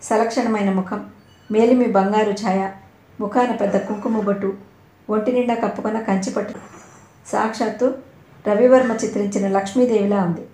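A woman narrating a novel aloud with steady, expressive storytelling. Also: medium pitch, moderate pace, long pauses, slight background noise. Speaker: audiobook narrator. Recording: roomy echo.

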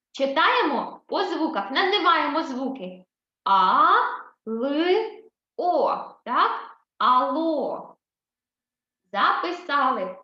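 A woman teaching a first-grade writing lesson with a Ukrainian accent, speaking slowly and patiently and praising the children often. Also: sits high, fairly bright tone. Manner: encouraging, often asks "так?" and praises the children. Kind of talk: slow, patient classroom instruction. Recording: roomy, slightly dull recording.

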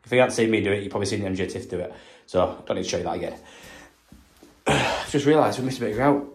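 A man's voice: lowish voice, quick pace. A British man working as a plumber, chatting casually to camera as he finishes a bathroom job, a bit out of breath, rambling and poking fun at himself. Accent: British English. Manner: chatty, rambling, self-deprecating. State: slightly out of breath. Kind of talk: casual work vlog, talking to camera. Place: bathroom being renovated, indoors.

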